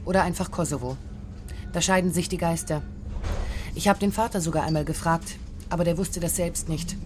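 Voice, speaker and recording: A woman's voice: on the low side, fairly quick, natural voice. A woman in a radio drama monologue, talking in a pedantic, precise way. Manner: pedantic, precise about pronunciation. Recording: loud vehicle noise.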